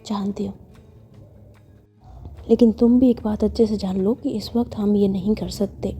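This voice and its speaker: A woman's voice: medium pitch, fairly even intonation, moderate pace, warm tone, soft background music, lightly acted. A woman voicing an exasperated, tired young woman who protests and scolds in a flustered way, in a read-aloud story.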